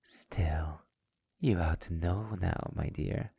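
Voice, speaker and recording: A man playing a sadistic, possessive immortal vampire master in an intimate ASMR roleplay, taunting theatrically in a breathy, gravelly voice that often nears a whisper. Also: deep voice, slow pace, dark tone, heavily acted. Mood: smug.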